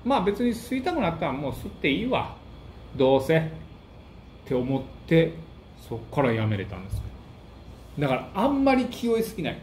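A man with a Kansai accent talks in an animated, storytelling way, and his pitch swings up and down a lot. His voice sits a bit high for a man. The sound is roomy and echoey, with a faint hiss underneath. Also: a little fast, long pauses. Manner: animated storytelling that acts out quotes. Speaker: comedian and book-review host. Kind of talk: casual monologue.

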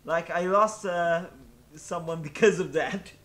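A man's voice: a little high, measured pace, fairly bright tone. A man streaming live, chatting casually in a rambling, self-deprecating way with many fillers.

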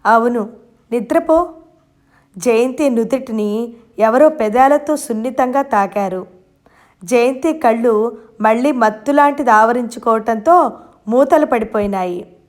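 A woman reads a novel aloud in a gentle storytelling manner. Her voice is fairly high, and she takes her time. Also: a little slow. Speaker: audiobook narrator. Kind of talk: scripted novel narration.

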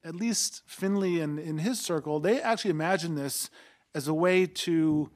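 A man's voice: on the high side, moderate pace. A man in his forties on an academic panel, explaining history in a lecturing way with restarts and tag questions. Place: seminar room with a panel table and audience. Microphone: table mic on a stand.

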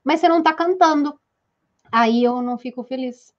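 A woman's voice: sits high, moderate pace. A young woman from Italy with an Italian accent, giving a playful, casual language lesson and laughing often. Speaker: Italian teacher. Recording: slightly dull lo-fi sound.

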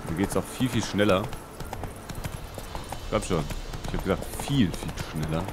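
A man talking casually through a video game in a deliberately lowered, deep put-on voice, chatty and muttering to himself with loud exclamations. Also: over music. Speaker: let's play gamer. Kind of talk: casual gameplay commentary.

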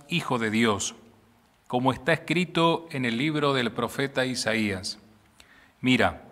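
A middle-aged priest reading the Gospel aloud at Mass into a stand microphone in a small chapel, in a solemn, steady manner. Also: male voice, mid-range voice. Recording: long chapel reverb.

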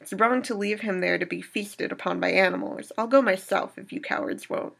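A woman's voice: medium pitch, fairly quick, vocal fry, fairly bright tone. A woman reading aloud as a stern devout man who speaks in a firm, moralizing way.

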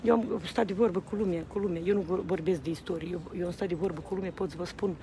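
A woman's voice: fairly low pitch, steady tone. A woman speaking passionately to a reporter outdoors at a rally, repeatedly appealing to the people around her. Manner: agitated, repeats appeals to the crowd. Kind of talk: impassioned street interview. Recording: outdoor street recording with crowd noise. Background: crowd.

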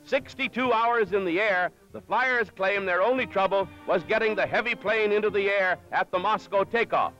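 A man narrates an old 1930s newsreel in a formal announcer's manner, his voice sitting high. The sound is dull and lo-fi, as old film audio is. Loud music plays under him the whole way. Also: moderate pace, few pauses. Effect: old 1937 newsreel soundtrack played from archive.

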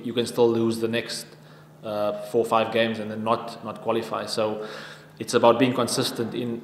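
Flat-toned man, echoey press room. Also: mid-range voice, a little hiss or hum. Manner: even-toned, halting with many restarts and fillers. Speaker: cricketer at press conference. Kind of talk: post-match press conference answers. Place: press conference room with sponsor backdrop. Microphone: table microphone. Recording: echoey room with long reverb.

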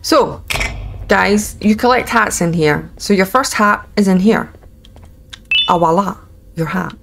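A Scottish woman in her thirties hosts a gaming video, offering chatty, wry, informal let's-play commentary as she plays. Her voice is medium-pitched and gravelly, and she takes her time. Background noise is audible.

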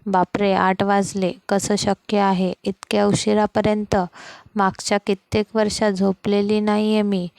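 A woman's voice: mid-range voice, level tone, unhurried, gravelly, darkish tone, smooth, no echo. A woman voicing a flustered, guilt-ridden young wife in a storybook reading. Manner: flustered, self-reproaching.

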